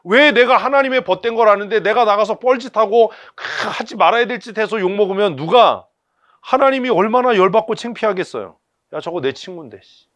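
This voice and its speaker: A man's voice: sits high, a little fast, fairly bright tone, dry recording. A man preaching a sermon in blunt, colloquial speech full of rhetorical questions. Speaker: pastor. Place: church service.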